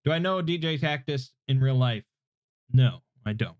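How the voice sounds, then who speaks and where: Moving at a moderate pace, a calm man in his thirties runs a casual live Q&A as a YouTube host, hedging, poking fun at himself, and filling gaps with ums. His voice is mid-pitched and easy to listen to. Without its usual equalizer his desk mic sounds a touch muffled, and the dry room has no echo at all.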